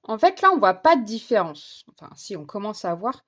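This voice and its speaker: A woman's voice: mid-range voice, very animated, normal speed, dull audio. A young woman chatting casually while coloring at her desk, hesitant and full of fillers and restarts. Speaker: vlogger. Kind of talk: casual coloring vlog chat.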